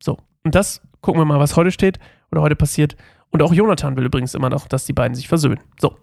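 A man reads Scripture aloud and breaks off to chat casually with his listeners, full of fillers and restarts. His voice sits a bit high and has a gravelly rasp. The sound is dry, with no room echo. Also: fast, a little mellow. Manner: loose and chatty, with fillers and restarts; addresses listeners directly. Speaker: Bible reading host. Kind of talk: casual Bible reading with commentary.

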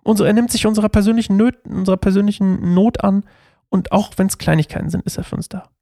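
A young man with a somewhat high, gravelly voice hosts a laid-back Bible study podcast. He talks in a chatty, self-mocking way, rambling through fillers and asides. The sound is dry and close, as if recorded in a small room. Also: steady tone, fast talker, dark tone, no echo. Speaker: podcast host reading and explaining the Bible.

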